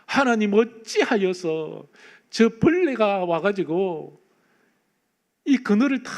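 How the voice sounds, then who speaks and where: A man's voice: high voice, exaggerated voice. A man preacher voicing a bitter man who pleads with God and begs to die. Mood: bitter complaint. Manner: pleading, pained complaining.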